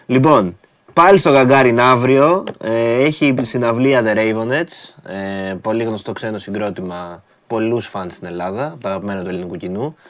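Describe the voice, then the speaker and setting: A man's voice: on the low side, fairly bright tone. A man co-hosting a sports radio show, chatting casually and teasing his partner. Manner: laid-back, teasing, laughs often.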